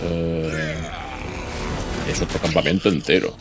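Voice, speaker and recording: A man's voice: sits low, fairly even intonation, takes it slowly. A man giving casual gameplay commentary, chatting to himself as he plays and letting out sudden yelps. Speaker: gaming YouTuber. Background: game music.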